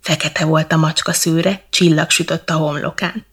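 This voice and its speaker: A woman storyteller reading a bedtime story in verse, slow and rhythmic. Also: low voice, level tone, slightly rough.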